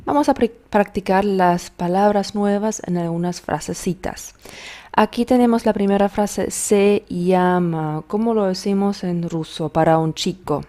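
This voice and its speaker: A woman's voice: medium pitch, normal speed, warm tone. A woman teaching a beginner language lesson, patiently drilling new words and modeling their pronunciation.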